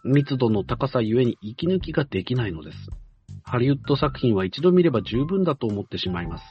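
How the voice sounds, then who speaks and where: Male host, mid-pitched, reads listener mail in a measured way with hesitant fillers; muffled lo-fi sound over faint music. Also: very animated. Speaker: radio-style show host. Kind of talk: reading a listener's letter aloud with side comments.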